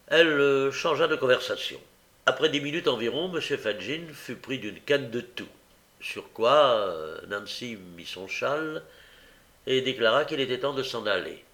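A man narrating a classic novel as an audiobook, reading in a measured way with occasional hesitations. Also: medium pitch, fairly bright tone.

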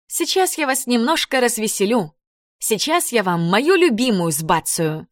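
A woman's voice: a little high, sing-song, a little slow, no echo, clean studio sound, pitched above the performer's own voice. A woman voicing a blunt, mocking teenage girl in an audiobook. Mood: patronizing. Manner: blunt and cheeky.

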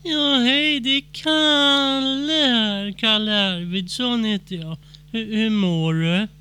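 A performer playing Kalle, a childish, excitable man who stammers eagerly. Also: mid-range voice, clean tone, lightly acted.

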